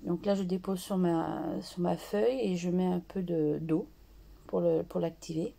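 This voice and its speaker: Slow, gravelly woman talking through crafts. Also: fairly low pitch, steady tone, mellow. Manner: slow and hesitant, many fillers and restarts. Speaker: craft tutorial host. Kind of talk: talking through an art journal tutorial.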